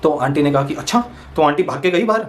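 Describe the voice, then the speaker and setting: A young man casually telling a funny personal story, lively and laughing often as he acts out what people said. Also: on the high side, quick pace.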